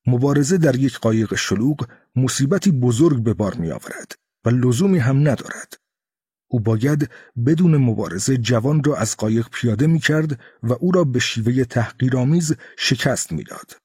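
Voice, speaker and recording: A male storyteller reading a tale in a steady, even way. His voice is husky and mid-pitched, recorded dry and close. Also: dry recording. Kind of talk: scripted narration.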